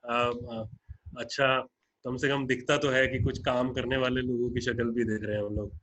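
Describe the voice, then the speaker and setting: A man's voice: mid-range voice, little pitch movement, normal speed, fairly bright tone, rough recording. A man with an Indian accent speaks to partner groups in an online webinar, earnest and plain-spoken, slipping English phrases into his talk. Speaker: founder addressing partner groups. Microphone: video call.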